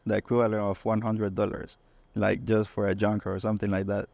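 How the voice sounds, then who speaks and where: In a laid-back chat on a car podcast, a co-host from Honduras spins stories full of swearing and frequent restarts. He talks fast in a fairly low, gravelly voice, and the recording is dry.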